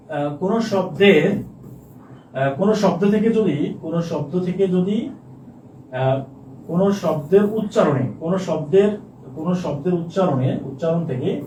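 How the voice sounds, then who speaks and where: A man's voice: sits high, a little mellow. A man teaching a Bangla class online, drilling words with lots of repetition and slipping into recited romantic verse. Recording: roomy distant mic with faint noise.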